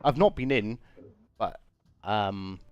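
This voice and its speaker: A man with a fairly low voice hosts a livestream in a close, dry sound. He banters casually, teasing and swearing with mock grumpiness. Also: lively intonation, slow pace, dry recording, lo-fi sound, faint music behind. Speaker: livestream host.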